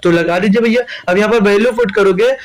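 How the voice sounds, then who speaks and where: A man's voice: high-pitched, fast. A young man from India teaching an exam-prep maths lesson, repeating steps and answering his own questions.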